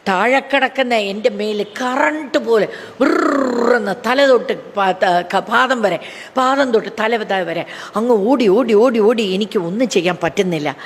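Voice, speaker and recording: A woman's voice: fairly high pitch, unhurried, husky. A woman preacher giving a fervent testimony sermon, repeating phrases for emphasis and breaking into praise refrains. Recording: long hall reverb.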